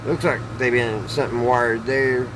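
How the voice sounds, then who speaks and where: Working in a small wood-panelled workshop, the middle-aged host of a hobby radio repair channel talks at a moderate pace with a medium-pitched, steady tone. He's folksy and hesitant, thinking aloud casually as he shows his hands-on tinkering. Background noise can be heard.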